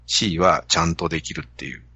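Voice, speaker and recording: A man's voice: sits low, steady tone, brisk, pushed and bright, breathy edge, dry recording. A man with a Kansai accent, hosting a podcast and telling a story to explain a business idea. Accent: Kansai Japanese. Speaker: podcast host. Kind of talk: casual podcast talk.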